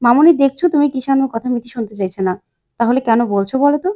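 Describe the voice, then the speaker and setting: A woman's voice: a little high, quick pace, dark tone, lo-fi sound, lightly acted. Woman doing a snide, defensive young woman. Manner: whiny, defensive.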